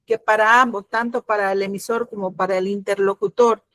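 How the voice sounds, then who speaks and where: A middle-aged woman teaching a grammar lesson, explaining patiently, often pausing with fillers and checking that students follow. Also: mid-range voice, steady tone, fairly bright tone, no echo.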